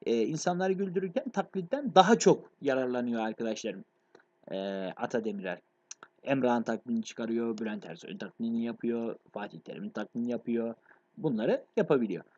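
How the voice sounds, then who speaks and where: A man's voice: medium pitch, expressive, darkish tone, lo-fi sound. A man teaching an exam review lecture on literature, addressing his students directly and often checking that they follow. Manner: fast, addresses students as friends, frequent checks.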